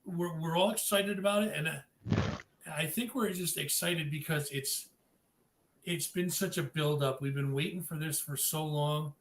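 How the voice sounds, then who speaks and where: A man hosting a live-streamed interview, upbeat and chatty, giving shout-outs to viewers. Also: on the high side, normal speed. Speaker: podcast host. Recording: echoey room with faint noise.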